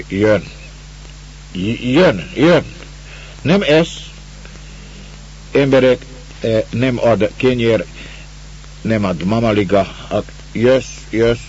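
A man voicing a gaunt, worn-out foreign wanderer who speaks in halting, broken sentences with a Russian accent, on a dull, lo-fi recording. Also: lowish voice, darkish tone, voice pushed up, natural voice. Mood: weary. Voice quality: broken halting speech, slow pleading. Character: foreign male wanderer, gaunt, weary, forlorn. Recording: dull lo-fi recording, faint hiss.

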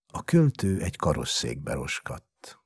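A man narrating a story in an expressive, measured dramatic reading. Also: a bass voice, slightly rough, dry recording, studio quality.

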